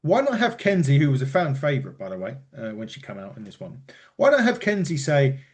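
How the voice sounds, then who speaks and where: Animated, rambling male podcast co-host. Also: medium pitch, fairly quick. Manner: rambling and animated, with frequent laughs and restarts. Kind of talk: casual wrestling chat.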